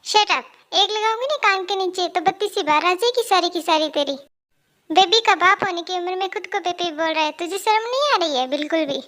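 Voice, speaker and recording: Girl doing a strict angry mom, director of the company, scolds nonstop, high voice. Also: a little fast, a bit bright. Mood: scolding. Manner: scolding, threatening. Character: stern middle-aged mother, company director, scolding.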